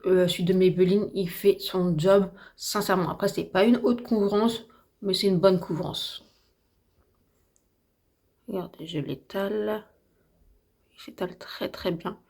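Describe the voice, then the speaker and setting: A slightly hoarse woman with a French accent chatting casually and enthusiastically through a makeup tutorial at home, with lots of fillers. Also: medium pitch, darkish tone. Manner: chatty, enthusiastic, repeats herself with many fillers. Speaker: beauty vlogger. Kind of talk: casual get-ready-with-me makeup chat.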